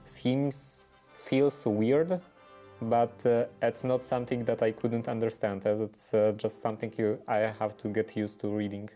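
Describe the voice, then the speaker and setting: A livestream host, a native Polish speaker with a Polish accent, chats casually in English while answering viewers, thinking aloud with many fillers and restarts. His voice is lowish, mellow and level, a little slow, with soft music playing in the background.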